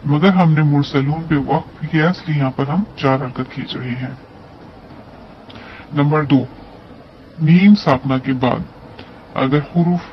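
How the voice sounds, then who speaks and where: A man's voice: on the high side, highs cut off, slight background noise. A man with an Urdu accent teaching Quran recitation rules patiently, drawing out each recited example. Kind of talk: tajweed lesson with slow recited examples.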